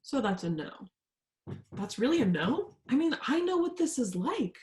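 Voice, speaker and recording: Urgent and probing, a young woman voices a haunted, insistent student chasing the truth during a staged reading, earnestly firing off questions. She speaks at normal speed in a high, slightly mellow voice with big pitch swings, and the sound is roomy and echoing.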